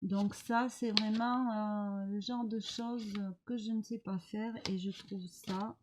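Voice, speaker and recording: Slow, hesitant middle-aged woman. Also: medium pitch, fairly even intonation, noisy background. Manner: hesitant, many pauses and fillers. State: recovering from illness. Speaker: crafting vlogger. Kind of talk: casual show-and-tell of mail.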